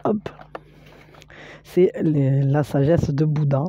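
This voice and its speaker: Her voice sits low, steady and warm as she delivers a spiritual tarot card reading directly to the viewer. She is encouraging yet halting, with many fillers and restarts, and the audio has no echo but lacks high frequencies.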